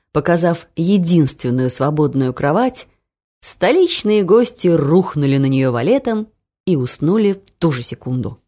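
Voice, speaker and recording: A woman narrating a humorous family story for an audiobook, expressive and lively. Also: low-pitched.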